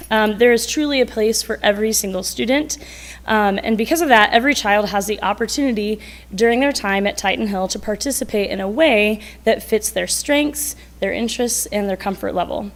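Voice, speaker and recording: A woman teacher speaks at a school board meeting in a mid-range voice. She is encouraging and draws children out with questions. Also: mid-range voice. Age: adult. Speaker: school music teacher presenting students.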